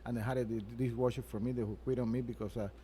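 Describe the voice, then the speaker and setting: Earnest man with a mellow voice. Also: mid-range voice, little pitch movement, a little hiss or hum. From Venezuela. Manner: earnest, halting, with frequent restarts. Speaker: chef and restaurant owner, guest. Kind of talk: interview answers. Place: his restaurant.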